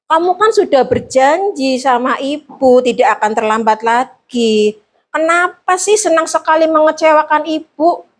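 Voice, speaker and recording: A female teacher speaks softly and slowly while heaping guilt on a pupil, never raising her voice, as a woman trainer puts her on. Her tone is high and gentle but reproachful. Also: expressive. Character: soft-spoken guilt-tripping female teacher.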